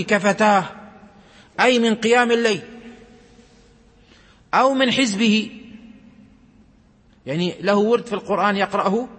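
A man with a high, bright voice reads religious texts and explains them as a lesson. His delivery is measured and recitative, and he slows down on key phrases. A long reverb trails behind every word. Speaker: religious teacher. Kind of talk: reading and explaining hadith.

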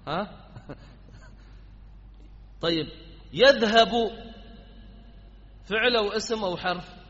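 A man teaches an Arabic grammar class, quizzing students and prompting them with repeated questions. His voice sits high, slow, pushed and bright, and the lo-fi recording sounds dull in a reverberant hall.

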